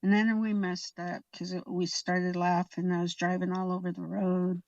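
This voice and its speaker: A woman's voice: fairly low pitch, flat delivery, normal speed, a little mellow, dry recording. A woman guest telling a laughing anecdote in an interview, acting out quoted lines. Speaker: guest actress. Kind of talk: storytelling interview. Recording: distant, dull lo-fi sound.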